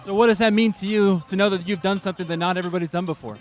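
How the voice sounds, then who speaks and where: An American man hosting a sports broadcast as play-by-play announcer, with a warm, welcoming, polished delivery. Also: high voice, fairly even intonation, very fast.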